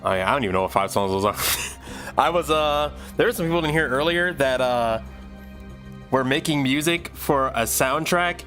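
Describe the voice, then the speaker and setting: Animated and moderately paced, a medium-pitched man in his thirties with a fairly bright tone chats on a livestream while making music. He rambles and thinks aloud as he works, soft music playing underneath.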